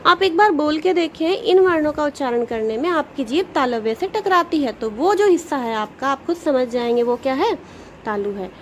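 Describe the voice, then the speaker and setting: High-voiced woman teaching children. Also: animated, a little hiss or hum, low-quality recording. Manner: patient, explains step by step, sounds out letters slowly; addresses pupils directly, asks questions then answers them. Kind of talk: Hindi grammar lesson for children.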